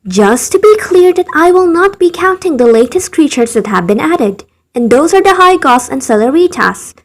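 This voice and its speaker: High, lively woman narrating a game ranking. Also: moderate pace. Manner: wry, rambling asides; talks in a voice she calls dead and tired. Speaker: gaming video narrator. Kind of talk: scripted game ranking commentary.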